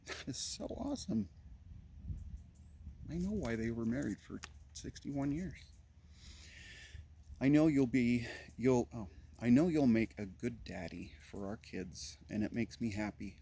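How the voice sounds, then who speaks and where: A man's voice: mid-range voice, animated, measured pace, mellow, husky. An older man reading his parents' old letters aloud, earnestly, with amused comments in between. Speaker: family letter reader.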